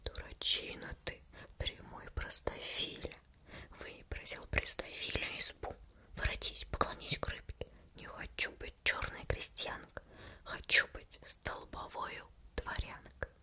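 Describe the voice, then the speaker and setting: A woman's voice: unhurried, natural voice. Storybook old peasant wife, woman reader: greedy, bossy, scolding, whispered role-play. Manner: bossy, quarrelsome.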